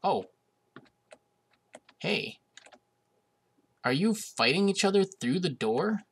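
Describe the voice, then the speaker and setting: This young let's-play host sounds high-pitched and husky, very animated yet slow-paced. Getting over a cold and a bit sniffly, he chats casually while he plays, amused and hesitant with lots of uhs.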